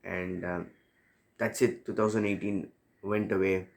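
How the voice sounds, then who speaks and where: A man's voice: deep voice, little pitch movement, measured pace, gravelly. A man from India casually telling a personal story as a football fan, reflective and rambling, with many fillers and self-corrections.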